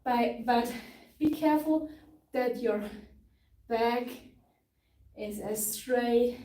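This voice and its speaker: A young native German speaker with a Tyrolean Austrian accent leads a live stretching class, explaining each move while demonstrating and sometimes hunting for English words. Her fairly high, mellow voice draws words out. The recording is distant and echoey with faint noise.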